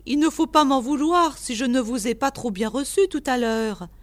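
A woman voicing a gruff old male animal keeper who scolds and shouts. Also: high voice, normal speed, close to an everyday voice. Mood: chatty, welcoming.

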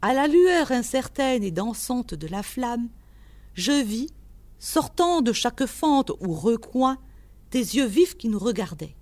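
A woman reading a story aloud in measured audiobook narration. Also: on the high side, sing-song, darkish tone. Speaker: reader.

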